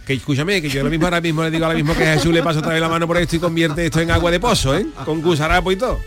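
A man voicing a pushy, greedy talent agent in a radio comedy sketch, with a rapid salesman patter. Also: on the high side, fairly even intonation. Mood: wheedling. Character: pushy fast-talking male talent agent.

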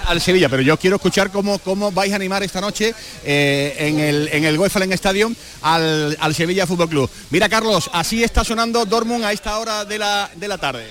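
Broadcasting live on radio from a fan-filled outdoor square, a man delivers a chatty sports report peppered with fillers and false starts. His voice sits high with a bit of brightness, and his pace is a little fast.

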